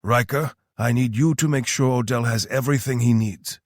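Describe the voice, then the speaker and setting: A man voices a firm, formal male leader with light acting, pitching his mid-range voice above his natural one. He speaks at a moderate pace, and the studio recording is clean with no room sound.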